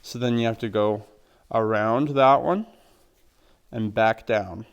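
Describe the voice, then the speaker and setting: A man, a horse trainer, calmly explaining knots step by step in a plain, practical way. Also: on the low side, takes it slowly, clear, resonant tone, muffled recording. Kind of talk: instructional demonstration.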